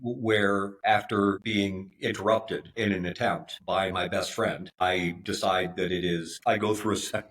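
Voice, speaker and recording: A man in his fifties, a podcast guest telling his story in a halting way, with many restarts and repeated words. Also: deep voice, steady tone, fairly bright tone. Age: 50s. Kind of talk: casual interview.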